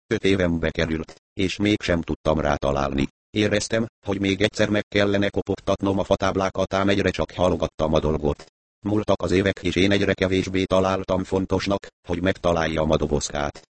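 A man reading the part of a very old, weary and menacing lama with a raspy voice, in an audiobook. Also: sits low, dry recording, lightly acted.

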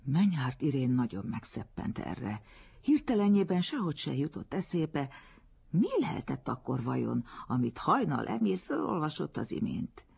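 A man reading a literary story aloud in an expressive storytelling manner, on a dull lo-fi recording. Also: fairly high pitch, creaky, husky. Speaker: narrator. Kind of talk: literary audiobook narration.

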